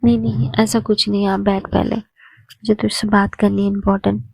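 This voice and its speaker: A woman voicing a busy young woman who runs an office and talks in a brisk, matter-of-fact way. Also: medium pitch, little pitch movement, creaky, no room sound, rough recording.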